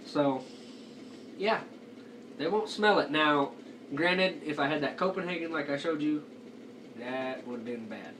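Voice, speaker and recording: A man's voice: a little high, measured pace, long pauses, fairly bright tone. Young guy reviewing stuff, talking around a lip full of dip, far from mic, lots of background noise. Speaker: amateur product reviewer. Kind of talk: casual chat review. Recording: noisy, distant home video microphone.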